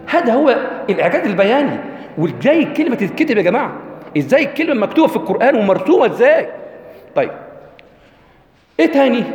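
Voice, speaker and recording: A man's voice: high voice, darkish tone. A man with an Egyptian accent giving a religious lesson to a group, asking them questions and answering them himself. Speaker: lecturer on Quranic rhetoric. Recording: echoey hall with long reverb.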